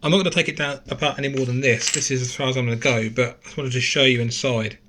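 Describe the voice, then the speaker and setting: A man talks through a gadget teardown in a relaxed, chatty way. He thinks out loud and corrects himself mid-sentence. His voice is caught by a camera microphone at a desk indoors. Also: mid-range voice, fast, slight background noise. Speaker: gadget reviewer. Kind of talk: casual teardown tutorial.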